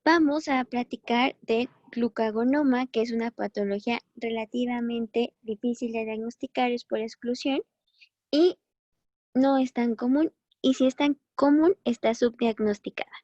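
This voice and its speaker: A woman's voice: fairly high pitch, fairly even intonation, moderate pace, darkish tone, dry recording, highs cut off. A woman teaching a biochemistry lesson in a chatty, encouraging way, often correcting herself as she goes. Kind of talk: recorded online class.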